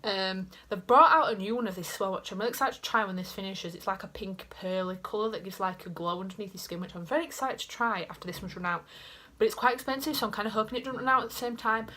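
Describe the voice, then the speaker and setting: Fast-talking and forceful, this young beauty vlogger from Yorkshire rambles to camera in her little bedroom, throwing in self-deprecating asides. Her mid-range voice has a bright tone. The camera is set up in front of her at desk height.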